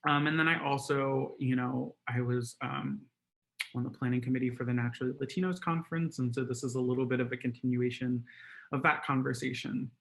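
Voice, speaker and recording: A man speaking to an online audience in a loose, conversational way, often pausing on filler words. His voice sits at a middle pitch. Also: steady tone, fairly bright tone. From Guatemala, raised in Maryland. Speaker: presenter. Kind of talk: online presentation.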